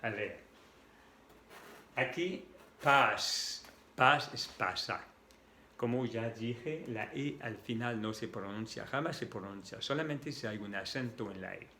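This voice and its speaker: A man's voice: on the low side, measured pace, slight background noise. A man whose first language is French, patiently explaining pronunciation to beginners and repeating each sound aloud. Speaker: French tutor.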